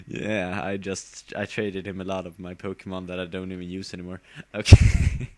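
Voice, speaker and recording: A tired young gamer narrates his own game battle casually, rambling with fillers and giggling at himself. His voice sits low, with no room sound.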